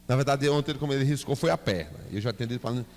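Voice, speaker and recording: A man's voice: medium pitch, rapid-fire. A man with a Bahian Portuguese accent teaching a Bible class, asking the class questions and acting out little scenes. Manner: lively, asks the class questions, acts out scenes with his son. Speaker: church teacher. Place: church hall. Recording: reverberant church hall.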